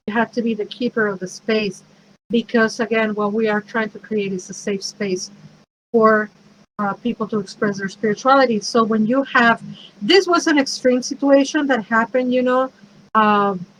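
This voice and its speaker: A woman's voice: on the high side, fairly bright tone, a little hiss or hum, low-quality recording. A woman priestess and minister giving a frank, conversational workshop talk, advising listeners with self-deprecating asides.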